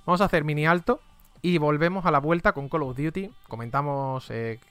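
A man's voice: medium pitch, fairly bright tone. A man with a Spain Spanish accent chatting casually on a live stream, running game giveaways and muttering exclamations as he goes.

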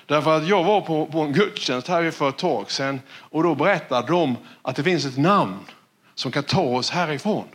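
A man voicing the soul of a newly dead woman, lost and anxious, speaking low and pleading. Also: a bit bright.

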